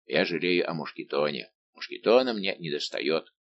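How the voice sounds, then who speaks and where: Guy doing a huge simple-minded musketeer baron, booming low voice, a bit of hum behind. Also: animated, normal speed, lo-fi sound. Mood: hearty.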